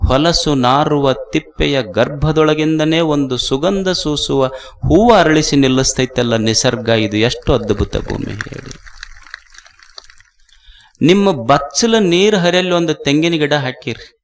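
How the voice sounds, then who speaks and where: A man giving a devotional discourse, telling stories in slow, rhythmic phrases and repeating lines for emphasis. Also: on the high side. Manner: slow, rhythmic storytelling with repetition. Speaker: spiritual speaker.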